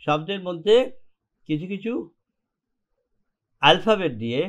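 Higher-voiced man teaching grammar. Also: animated, a little slow. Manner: explains step by step in Bengali, checks understanding with repeated questions. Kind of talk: online classroom lesson.

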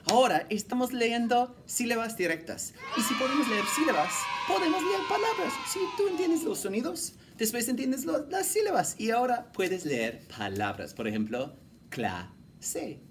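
A man's voice: very high voice, big pitch swings, normal speed, heavy background noise. A man teaching young children to read syllables in a playful, theatrical way. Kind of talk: children's reading lesson.

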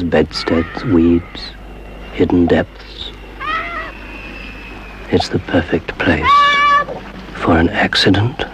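Brief: slow, low-pitched, gravelly, menacing water spirit for a safety film. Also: male voice, muffled recording, slight background noise. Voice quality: deep gravelly voice. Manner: slow, measured, gloating menace. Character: sinister hooded male water spirit, cold and menacing. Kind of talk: public information film narration.

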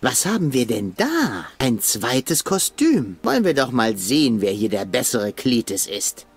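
A man's voice: medium pitch, very animated, husky, exaggerated voice. An actor playing a cocky, scheming young man in an adventure game, boastful and flippant. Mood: musing. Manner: boastful, flippant, quick-tongued. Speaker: game protagonist.

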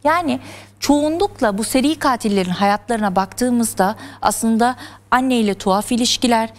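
A woman's voice: on the high side, moderate pace. A woman explaining psychology terms step by step as a guest on a television talk show. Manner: earnest, lecturing, explains step by step. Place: television studio.

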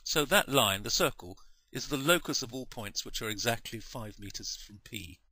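Bright, crisp maths teacher. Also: male voice, medium pitch, animated, no room sound. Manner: patient, measured, with self-corrections. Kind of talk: explaining a maths lesson over diagrams.

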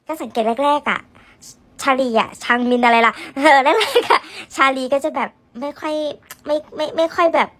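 A woman vlogger chatting casually to viewers, gossipy and blunt, with rough slang and frequent laughter. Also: high voice, moderate pace, a bit bright. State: tired, red-eyed. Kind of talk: casual chat.

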